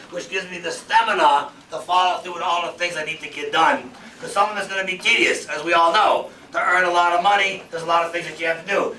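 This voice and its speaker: This motivational seminar speaker, a man in his fifties, has a sharp voice on the high side. He speaks emphatically and repetitively, leaning on rhetoric, and the distant microphone captures a roomy, echoey sound with faint background noise.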